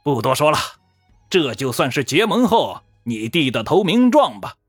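A man's voice: a little high, big pitch swings, normal speed, breathy edge, no room sound, soft background music. A man voicing a smug, scheming male warlord in a storytelling show, with a teasing tone. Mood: sly.

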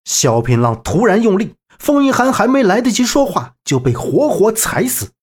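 A man narrating a martial arts novel as an audiobook, in an animated, dramatic reading. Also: high voice, moderate pace, breathy edge.

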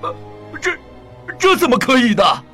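A woman's voice: fairly high pitch, sing-song, moderate pace, fairly bright tone, faint music behind. A woman voicing a meek, worried old fisherman in a fairy tale, hesitant and pleading with many sighs.

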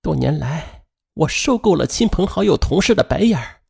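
A proud, bitter woman who once looked down on her husband, played by a man reading the story. The voice sits high and husky with lively swings. It suits a dramatized radio story. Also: normal speed, exaggerated voice. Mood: contemptuous. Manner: contemptuous, later remorseful and weeping. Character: bitter proud divorced mother, adult woman.

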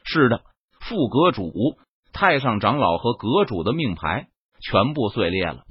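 A man's voice: medium pitch, big pitch swings, slightly rough, no room sound, voice pushed down. A man reading an audiobook, voicing a panicked young male disciple reporting bad news. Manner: hurried, alarmed reporting. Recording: dull lo-fi dry recording.

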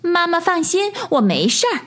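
Woman doing a high chirpy little boy bunny. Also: very animated, moderate pace. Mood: eager. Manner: bright, boastful childlike chirp. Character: eager young boy bunny, cheerful and brave.

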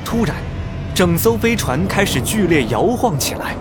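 A man narrates a children's story dramatically. His voice sits fairly high and swings widely in pitch, with music playing behind him. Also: very animated, normal speed.

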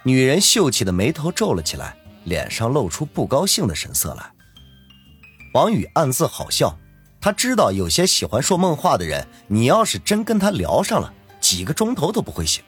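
A male narrator reads a serialized web novel with dramatic flair. His pitch leaps up and down constantly and his voice is husky. Soft music runs beneath him. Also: wildly swooping pitch, normal speed. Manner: dramatic storyteller. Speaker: audiobook narrator.

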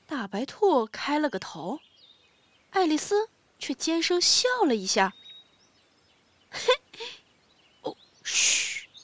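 A woman narrating a children's story aloud in an expressive reading voice. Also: high voice. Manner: slow, expressive, lively storytelling.

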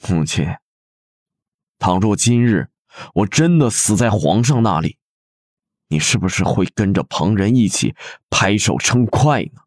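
A man plays a ruthless prince in an audio drama, his voice low and deep yet swinging widely in pitch. He sneers coldly, close and dry. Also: animated, a little slow, darkish tone, no echo. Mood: bitter. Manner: sneering, cold. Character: cold, ruthless young prince.

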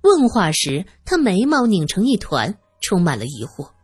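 A woman narrating a serialized audiobook in an expressive storytelling manner. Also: fairly low pitch, normal speed, breathy edge, soft background music.

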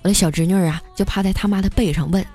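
A young woman tells a comic story in a chatty, easygoing way, drawing out her sentence endings. Her voice sits at a middle pitch. Faint music plays under her. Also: steady tone, mellow. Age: young adult. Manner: chatty, lots of drawn-out sentence particles. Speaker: storyteller host. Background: faint background music.

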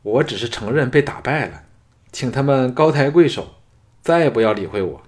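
A man's voice: medium pitch, animated, normal speed, close to an everyday voice. A man playing a weary, guarded young hero. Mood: subdued.

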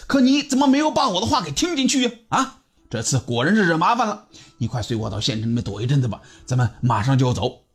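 A man's voice: a little high, big pitch swings, fast, voice pushed down. A man voicing a stern older male master barber who scolds his apprentice urgently. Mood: scolding.

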